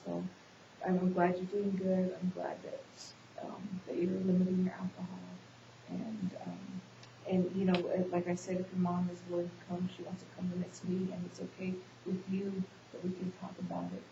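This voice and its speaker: A woman's voice: on the low side, monotone, normal speed. A congested woman playing a counselor in a practice session, talking with many ums and restarts. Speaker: social work student playing the counselor in a role-play. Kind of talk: counseling session role-play. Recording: echoey room, dull hissy recording.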